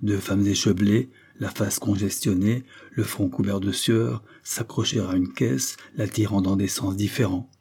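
A man reading a literary audiobook with measured, grave storytelling. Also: fairly low pitch, fairly even intonation, mellow, slightly rough. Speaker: audiobook narrator.

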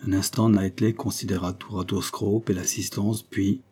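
A man narrates a story in a measured, even manner. His voice is low and husky, with a dark, mellow tone. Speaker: audiobook narrator. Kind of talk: scripted narration.

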